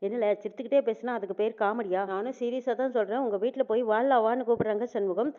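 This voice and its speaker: A woman speeds through a retelling of a serial episode, voicing every character's lines in the same quick narrating voice. Her voice sits a little high, and the sound is thin and tinny, like a phone line. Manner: narrates, quoting each character in turn. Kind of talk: fast scripted recap narration.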